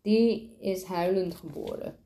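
A divorced dad from a storybook, a tabloid photographer who jokes his way past bad news, read out by a woman. His talk is brisk and falsely cheerful, in a mellow, warm voice. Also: on the low side, vocal fry. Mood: dismissive.

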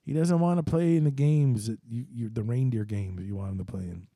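A man's voice: medium pitch, a little fast, dark tone, no echo. A middle-aged man hosting his own show, telling loose, rambling, self-deprecating stories and often jumping into quoted voices. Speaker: host. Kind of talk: casual storytelling monologue.

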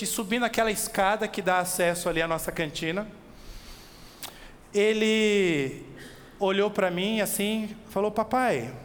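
A high-pitched Brazilian man preaches with lively energy, firing questions at his listeners and drawing out key words for weight. His voice rings through a church hall with a long echo tail, over a faint hum of background noise. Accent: Brazilian Portuguese. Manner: animated, asks the listeners direct questions, slows for emphasis. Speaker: pastor. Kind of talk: expository sermon.

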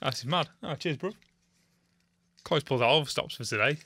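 A man's voice: mid-range voice, normal speed, pushed and bright, breathy edge, no echo. A young man, hosting a casual podcast chat at home, laughing and teasing. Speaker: podcast host. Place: home room with a cat. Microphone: studio mic with pop shield.

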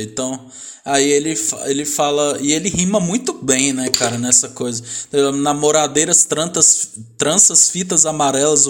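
A man co-hosting a casual album-review chat, rambling and enthusiastic with lots of slang fillers. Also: on the high side. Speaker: podcast co-host reviewing an album.

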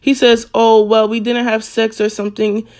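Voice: mid-range voice, flat delivery, moderate pace, a little mellow. A social media commentator talking casually, reading a string of text messages aloud with frequent fillers and self-corrections.

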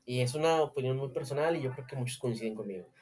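A man's voice: medium pitch, quick pace, crowd noise. A man with a Mexican accent, co-hosting a casual chat, joking and swearing as he reads out dating profiles. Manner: joking, swearing, laughs often. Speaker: podcast co-host.

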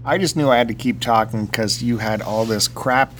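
A man's voice: medium pitch, moderate pace. A man co-hosting a podcast in casual banter with a teasing, needling manner, talking over a laptop fan. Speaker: podcast co-host. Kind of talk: casual banter between friends. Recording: loud laptop fan hum behind voice. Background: loud computer fan.

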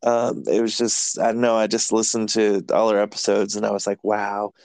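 A man's voice: lowish voice, level tone, normal speed, vocal fry, a little mellow, no echo. A man hosting a podcast, chatting casually in a rambling, self-deprecating way and laughing often. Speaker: podcast host. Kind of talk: casual chat.

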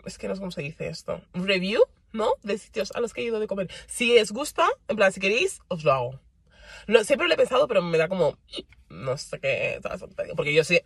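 A young woman with a Spain Spanish accent, chatting casually to her viewers, animated and laughing often, repeating words for emphasis. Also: medium pitch, breathy edge, dry recording. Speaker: vlogger. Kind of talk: casual chat to camera.

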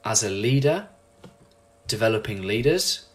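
A man speaking as a leadership coach in an animated, ranting motivational monologue, acting out quotes in lively voices. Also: fairly low pitch, measured pace, slightly rough.

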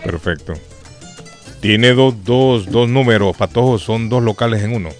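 A man's voice: mid-range voice, a little slow, soft background music. A man hosting a live radio show from the studio, chatting and often repeating himself as he affirms what others say.

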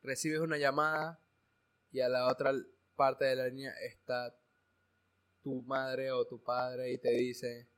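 A man's voice: mid-range voice, level tone, slow pace, fairly bright tone. A young man with a plain, mid-range voice chats easily with a friend. He jokes, laughs at himself and keeps stumbling over words before pushing on. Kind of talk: casual chat.

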